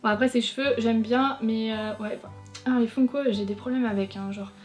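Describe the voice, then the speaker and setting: A young woman chatting casually as a vlogger, reviewing figurines in a frank, teasing way that is quick to complain. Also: a little high, fairly even intonation. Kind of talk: casual chatty unboxing commentary. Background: faint background music.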